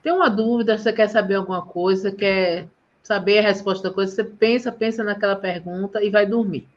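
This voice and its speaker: A woman's voice: mid-range voice, steady tone, a little fast, lo-fi sound. A woman who joins a live stream conversation and listens attentively, adding short agreeing remarks.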